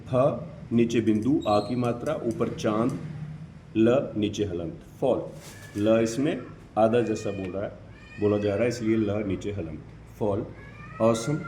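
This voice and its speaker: Male pronunciation teacher, unhurried and mellow, spells sounds out step by step, roomy echo. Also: medium pitch, a little hiss or hum. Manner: spells out sounds letter by letter, repetitive. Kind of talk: slow explanatory lesson. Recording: echoey room.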